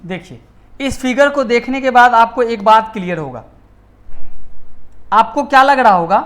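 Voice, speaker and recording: A man's voice: very high voice, fairly bright tone. A male teacher giving a classroom lecture in Hindi mixed with English terms, often repeating key words and answering his own questions. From India.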